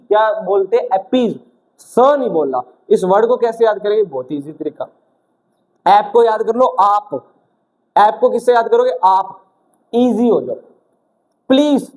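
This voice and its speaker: A young man teaching exam vocabulary in a lively classroom style, asking questions and answering them himself and acting out little stories. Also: sits high, rough recording. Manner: acts out little stories with shouted quotes. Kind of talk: energetic classroom-style video lesson.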